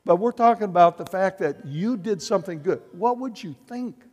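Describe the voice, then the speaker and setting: A man preaching a sermon as pastor, animated and acting out quotes as he speaks. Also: high voice, normal speed, long reverb tail. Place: church sanctuary.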